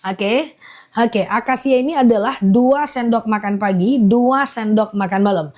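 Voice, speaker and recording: A woman's voice: a little high, unhurried, darkish tone. A woman selling honey on a live stream, rattling off long repeated lists and urging viewers to buy. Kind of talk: live-stream sales pitch.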